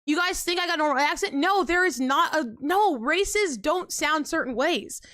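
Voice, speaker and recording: High-voiced indignant young woman streamer. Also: moderate pace, no echo, studio quality. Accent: slight Texan. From United States. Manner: indignant, animated rant to chat. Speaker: livestreamer. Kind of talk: casual livestream chat.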